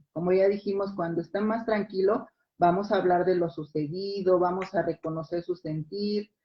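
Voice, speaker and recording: A woman psychologist guest explaining child behavior in a measured, gentle way. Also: medium pitch. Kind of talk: calm expert explanation. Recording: dull, roomy lo-fi sound.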